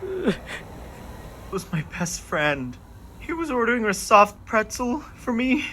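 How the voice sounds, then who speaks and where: An actress playing a grieving, bewildered, plaintive bystander in a video game. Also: female voice, on the high side, sing-song, slow pace, sharp tone, a little hiss or hum, heavily acted, rough recording. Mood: grief-stricken. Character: grieving, bewildered bystander mourning a best friend.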